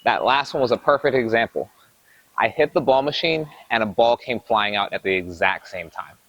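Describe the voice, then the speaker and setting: A man coaching tennis, explaining drills in an energetic, explanatory way while demonstrating on the court. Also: mid-range voice, moderate pace, no echo, highs cut off. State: a little out of breath. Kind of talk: instructional coaching talk.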